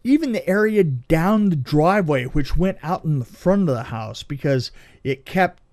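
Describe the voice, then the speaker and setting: As a podcast guest, a middle-aged veteran of film effects spins casual stories in an animated way, often repeating himself and performing quoted lines. His voice is a little high and moves at a normal pace.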